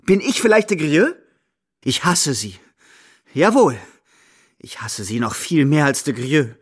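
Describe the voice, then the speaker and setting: A man's voice: sing-song, brisk, slightly rough. A male reader voicing a bitter, volatile young woman with a scornful, hissing manner in a dramatic audiobook reading. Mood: furious. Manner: hissing, scornful, pitch climbing high.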